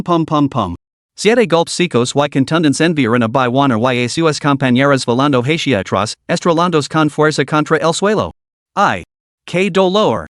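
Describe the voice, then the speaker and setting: A man narrating a comic-style fantasy story summary in a steady, even storytelling manner. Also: fairly high pitch, no echo, clean studio sound.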